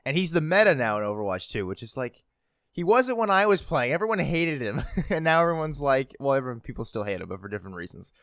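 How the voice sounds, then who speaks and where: A man's voice: mid-range voice, sing-song, fast, a bit bright, smooth, no echo, clean studio sound. A man co-hosting a podcast in casual chat, rambling with lots of fillers and laughing at himself. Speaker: podcast co-host.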